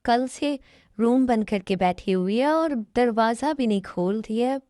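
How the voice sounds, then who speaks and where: A woman's voice: a little high, a little slow, dark tone, no echo, studio quality, natural voice. A woman voicing an anxious older brother in an amateur dubbed love story. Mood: worried.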